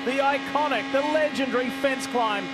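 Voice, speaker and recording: A man's voice: extremely high pitch, normal speed. A man giving live motorsport commentary as lead announcer, with a dramatic, urgent play-by-play delivery. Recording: loud engine roar behind. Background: race cars and track noise.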